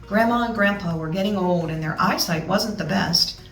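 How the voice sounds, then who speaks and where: A woman reads a children's story aloud with expression and chatty asides. Her pitch is average. The recording is quite roomy and a bit distant, with music behind her. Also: moderate pace, fairly bright tone. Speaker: storybook reader.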